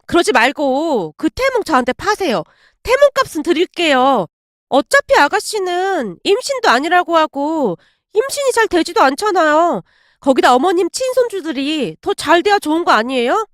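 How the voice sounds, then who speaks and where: A shameless young daughter-in-law, put on by a woman storyteller, wheedles and pleads in a high, bouncy voice. She sounds pushy and whiny. The recording is dry and close. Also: a bit bright, no room sound, exaggerated voice.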